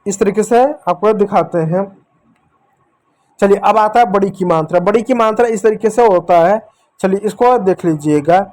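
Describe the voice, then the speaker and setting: A man teaching children to read, slowly sounding out letters and syllables and coaxing them to repeat after him. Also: sits high, a little mellow. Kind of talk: children's reading lesson.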